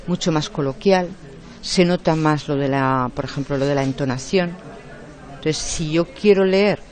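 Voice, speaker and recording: A man lectures a room of exam candidates in a slightly raised voice. He explains step by step and checks in with quick tags to keep the class following. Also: a little high, a little mellow. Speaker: teacher coaching exam candidates.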